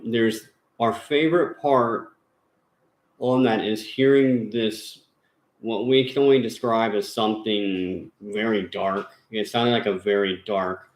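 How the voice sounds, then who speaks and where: A man with a fairly low voice hosts a ghost-hunting channel from his home. He talks casually and rambles, stopping and restarting with plenty of fillers. The room gives his voice a noticeable echo. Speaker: paranormal investigator channel host. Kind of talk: casual chat. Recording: roomy echo.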